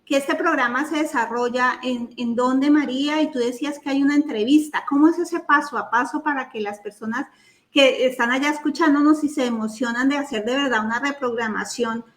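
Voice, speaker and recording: Mujer presentadora de voz aguda, conversación animada y risueña; grabación con eco de sala. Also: female voice, sits high, fairly quick. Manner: lively, laughing storyteller. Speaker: host. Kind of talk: casual interview talk. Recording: roomy echo.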